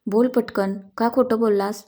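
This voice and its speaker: Brief: woman doing firm, protective young hero in an audio story, mellow and measured. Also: on the high side, fairly even intonation. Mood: stern. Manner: firm, interrogating, then tender. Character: young man, stern, protective, quietly romantic.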